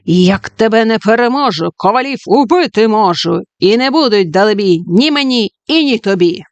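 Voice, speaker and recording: A woman's voice: mid-range voice, lively intonation, normal speed, no room sound, close to an everyday voice. A woman voicing a wicked, spiteful male sorcerer who chants rhyming spells with a hiss. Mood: furious.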